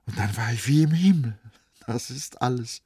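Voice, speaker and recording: A man narrating a literary audiobook in an expressive, melodic way. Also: medium pitch, normal speed, slightly rough, no room sound, studio quality.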